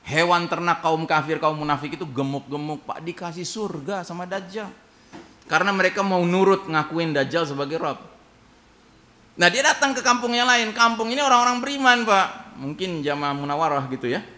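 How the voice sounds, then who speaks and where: A man gives a sermon in a mosque in a bright, ringing voice that sits a bit high for a man. He tells the story with animation, slips into quoted voices, and keeps turning to address his listeners directly. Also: normal speed. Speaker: preacher.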